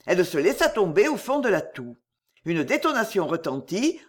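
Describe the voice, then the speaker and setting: Expressive narrator reading an adventure storybook aloud, voice rising and falling widely. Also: medium pitch, normal speed. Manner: lively, expressive read-aloud delivery.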